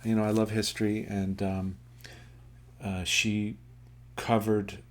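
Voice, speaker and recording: A man giving a casual book review, halting with many fillers and self-corrections, and reading passages aloud in a steady, measured way. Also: on the low side.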